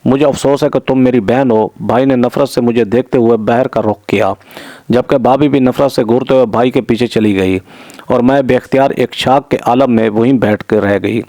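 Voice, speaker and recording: A male storyteller reading a scripted tale in a measured, even way. His voice is mellow and dark, recorded close in a dry room with no echo. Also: medium pitch. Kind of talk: scripted narration.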